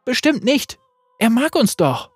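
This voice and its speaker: A husky-voiced narrator playing a frightened young male pupil who pleads anxiously. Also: medium pitch, expressive, unhurried, darkish tone, no room sound, soft background music. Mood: pleading. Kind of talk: read-aloud storytelling.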